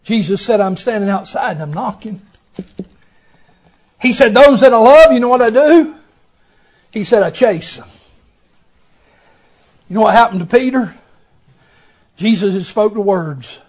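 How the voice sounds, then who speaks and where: High-pitched preacher with a chanting cadence. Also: male voice, a little slow, pauses often. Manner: chanting preaching cadence, swings from hushed to shouting; peppers lines with "amen" and "boy". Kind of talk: impassioned sermon.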